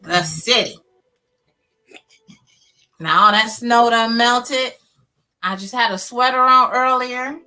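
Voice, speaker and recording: A woman's voice: a little high, slow, long pauses, sharp tone, soft background music. A woman in casual chat on a crafting stream, easygoing and welcoming viewers.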